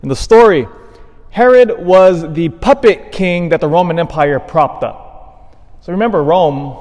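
Priest with cathedral echo. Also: male voice, on the high side, darkish tone. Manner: measured reading, then emphatic rising stresses. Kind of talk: Gospel reading and homily at Mass. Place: large church. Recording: long reverb of a large church.

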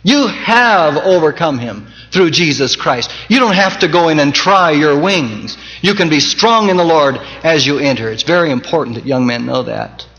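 A male pastor delivering a Sunday sermon, swinging from loud emphasis to soft, close tones and quoting scripture in old-fashioned cadence. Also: on the high side, expressive, normal speed, hardly any pauses. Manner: preaching with wide swings in loudness and emphasis. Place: church sanctuary. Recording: dull 1980s church tape with long reverb.

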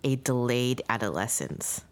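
A woman's voice: rumbling low, expressive, unhurried. A woman in her thirties co-hosting a podcast, chatting casually and reflectively, thinking aloud in a rambling way. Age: 30s. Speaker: podcast co-host.

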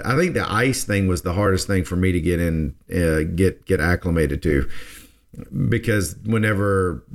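A man from South Georgia, hosting a podcast in casual, rambling chat full of restarts. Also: low-pitched. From South Georgia, USA. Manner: rambling, folksy, with many restarts. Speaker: podcast host.

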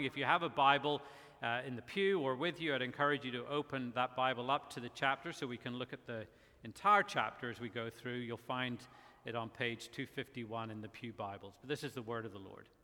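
A middle-aged man from Northern Ireland with a faint Northern Irish accent, preaching a sermon as guest pastor in a measured way, often pausing on "uh". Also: mid-range voice, pushed and bright. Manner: measured, with frequent "uh" fillers. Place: church sanctuary. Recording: long church reverb.

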